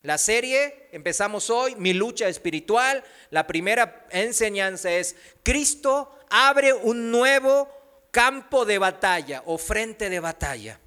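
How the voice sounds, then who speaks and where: A man's voice: high voice, lively intonation, pushed and bright, clear, resonant tone. A man preaching a sermon in church, reading scripture and asking the congregation rhetorical questions. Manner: preaches slowly with emphatic pauses and rhetorical questions.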